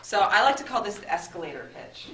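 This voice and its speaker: A woman's voice: mid-range voice, lively intonation, fast talker, crowd noise. A woman giving an interactive marketing workshop in a meeting room, chatty and upbeat, often checking in with the audience. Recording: echoey room, distant mic, noisy.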